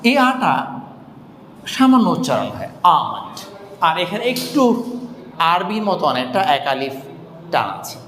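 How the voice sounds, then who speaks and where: A man teaching pronunciation, with a slightly high, very animated voice that jumps up and down in pitch. He jokes as he goes and slowly repeats words to model the sounds. He is recorded in an echoey room with a long reverb tail and a faint background hum. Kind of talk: casual spoken lesson.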